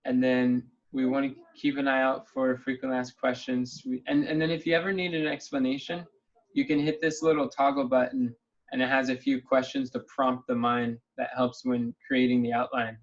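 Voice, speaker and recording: A man runs a relaxed planning session over a video call, thinking out loud in an upbeat, easygoing way. His voice sits at an ordinary middle pitch. The call audio is dull and lo-fi. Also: moderate pace. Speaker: meeting leader.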